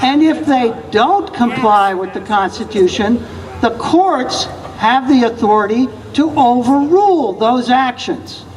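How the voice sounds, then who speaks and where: An American speaker giving a deliberate, emphatic political speech at a public rally. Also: mid-range voice, animated. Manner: deliberate, emphatic, rhetorical questions. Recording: distant, reverberant PA with faint noise.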